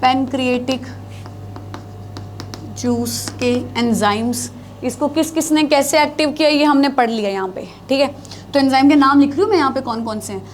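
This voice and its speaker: A woman's voice: high-pitched, normal speed, a little hiss or hum. A woman teaching a biology class, asking her students questions and answering them herself, repeating key terms as she writes on the board. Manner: repeats key terms, mixing Hindi with English.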